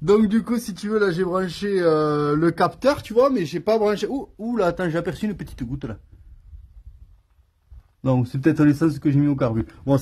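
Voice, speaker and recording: Chatty husky-voiced man in his workshop. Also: a little high, darkish tone. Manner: chatty, talks straight to the viewer, thinks aloud with fillers. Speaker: scooter mechanic vlogger. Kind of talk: casual how-to vlog. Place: home workshop. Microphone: phone filming himself.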